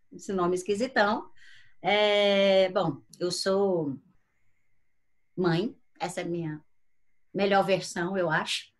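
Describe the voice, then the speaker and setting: A middle-aged woman from Brazil, a guest on a video-call interview, telling stories in a lively way. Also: medium pitch. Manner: lively storytelling, quick laughs.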